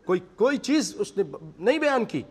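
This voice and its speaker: A man with an extremely high, husky voice preaches in a sing-song manner to a congregation seated in a mosque hall. After reciting Arabic passages, he explains them through vivid storytelling, and long hall reverb echoes throughout.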